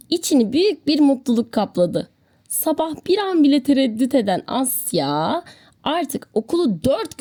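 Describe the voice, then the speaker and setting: A woman with a fairly high voice narrates a children's story in an expressive, scripted storytelling style.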